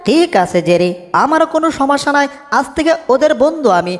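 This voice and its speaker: A woman plays a soft-hearted cartoon cat who whines and frets. The voice is high. It echoes with a long reverb tail. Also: very animated, a little fast. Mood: fretful. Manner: whiny, fretful, cries out in alarm. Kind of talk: homemade cartoon dub.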